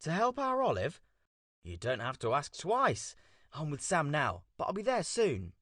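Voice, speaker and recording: A man's voice: fairly high pitch, wildly swooping pitch, measured pace, a bit bright, no echo, clean studio sound, exaggerated voice. A man playing an easygoing, flirtatious male friend in a story game, teasing and casual. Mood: flirty, eager. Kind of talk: scripted game story dialogue.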